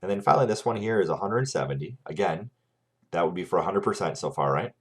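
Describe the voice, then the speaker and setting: A man with a deep, breathy voice teaches a math lesson via screencast, speaking fast and with animation. He works through every calculation step by step, frequently checking in with "right?".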